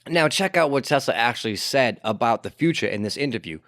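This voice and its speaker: A man's voice: mid-range voice, lively intonation, a little fast, a bit bright, no room sound, studio quality. A man hosting a casual history podcast, talking conversationally with lots of swearing and "you know" fillers. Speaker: podcast host.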